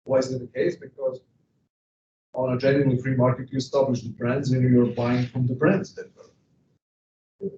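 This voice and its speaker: With a steady tone, moderate pace, and long pauses, a Serbian man in a mid-range voice lectures emphatically on economics, tossing rhetorical questions at his class. The background is noisy, and the classroom recording is distant, echoey, and dull.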